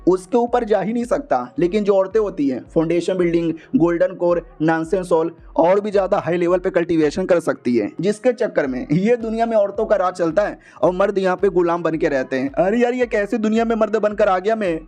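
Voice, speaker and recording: A man casually retelling a comic story in a chatty, slangy, joking way, slipping into quick voices for the characters. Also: high-pitched, dark tone. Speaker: manhua recap narrator.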